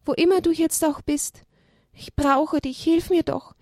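A woman voicing a frightened young male donkey foal who cries and pleads in a high voice. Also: fairly even intonation, measured pace, a little mellow, dry recording, clean studio sound. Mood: pleading.

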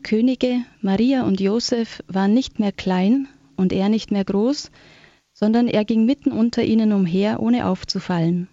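A woman chatting and then reading a Christmas story aloud in a gentle, warm way. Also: medium pitch, no room sound. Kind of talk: conversational chat, then read-aloud storytelling. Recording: dull lo-fi dry sound.

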